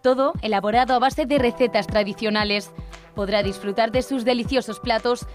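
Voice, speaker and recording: A woman's voice: fairly high pitch, fairly even intonation, fairly quick, music in the background. A woman announcer reading a scripted radio advertisement.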